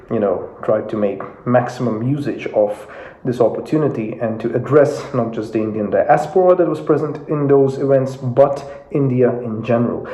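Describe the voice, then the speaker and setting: A Russian man, a native Russian speaker, talks casually to camera as a YouTube commentator from his home office, hesitating often with fillers and restarts. His voice is medium-pitched and dark in tone, and with no dedicated microphone the sound is roomy, dull and lo-fi.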